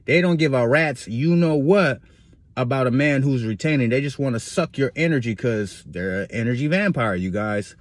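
A man's voice: mid-range voice, lively intonation, moderate pace. A man vlogging a casual, emphatic story with preachy asides to his viewers.

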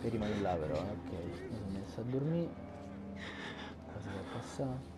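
Jumpy, swearing gamer. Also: male voice, fairly low pitch, animated, moderate pace. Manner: jumpy, swears, talks to game characters. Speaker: gaming YouTuber. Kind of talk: horror game commentary. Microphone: headset earphones. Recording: audible background noise.

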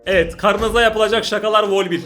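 A young man with a Turkish accent, reacting to prank videos in casual commentary, exclaiming, laughing and shouting. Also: sits high, steady tone, quick pace, faint music behind.

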